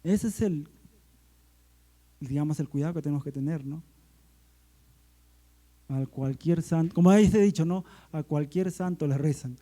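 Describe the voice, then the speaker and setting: A middle-aged man preaching a sermon to his church, swelling into emphatic lines and slowing to stretch out key words. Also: on the high side, mellow. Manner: preaching with surging emphasis and slowed, stretched phrases. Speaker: pastor. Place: church service.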